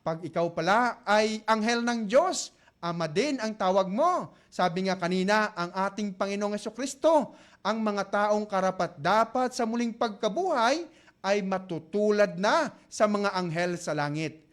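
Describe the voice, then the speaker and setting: A man's voice: sits high, lively intonation, unhurried. A man preaching a sermon, reading scripture aloud and putting questions to his listeners. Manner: asks listeners rhetorical questions.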